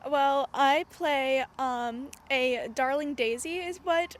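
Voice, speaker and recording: High-voiced, hesitant young woman cast member. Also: slow. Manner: hesitant, full of 'um' and 'like'. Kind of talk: casual interview answers. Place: outdoor theatre stage.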